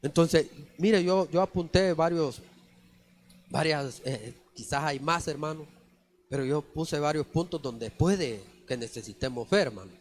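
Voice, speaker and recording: A man's voice: fairly high pitch, measured pace, slight background noise. A man preaching a conversational church sermon, often calling the listeners brother. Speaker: lay preacher. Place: church sanctuary.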